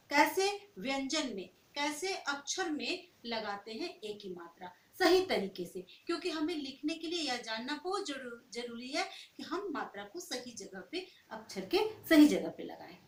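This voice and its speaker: A woman teaches young children, spelling out letters in a slow, sing-song way. Her voice is high and lively, and she keeps asking patient questions. She sounds distant from the mic in a roomy, echoing space. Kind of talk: children's language lesson. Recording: echoey room, mic at a distance.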